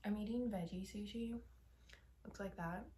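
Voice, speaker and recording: A young woman chatting casually while she eats on camera, candid and swearing offhandedly, often dropping into soft whispered asides. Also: mid-range voice, normal speed, echoey room, slight background noise. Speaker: mukbang vlogger. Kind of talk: casual mukbang chat while eating.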